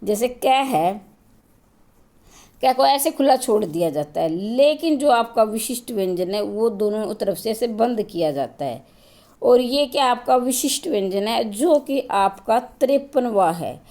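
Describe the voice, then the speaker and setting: Woman teaching grammar, fairly high voice. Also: lively intonation, measured pace, warm tone. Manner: explains step by step, asks and answers her own questions; addresses students directly, repeats key points. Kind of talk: classroom-style grammar lesson.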